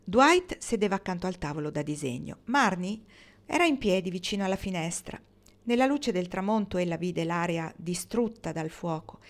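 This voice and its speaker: A woman reading a novel aloud with steady, even narration. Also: on the low side. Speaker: audiobook reader.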